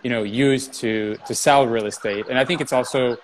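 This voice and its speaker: A man's voice: medium pitch, steady tone, normal speed, a little hiss or hum, low-quality recording. A man hosting an interview, talking casually with lots of "you know" fillers. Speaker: interview host.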